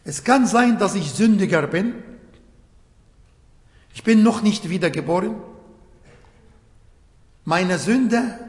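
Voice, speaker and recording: Slow, high-voiced preacher in an echoey hall. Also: male voice. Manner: halting, restarts phrases, searches for words; slow and emphatic, voice rising in earnest stress. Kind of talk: sermon. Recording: echoey hall with long reverb.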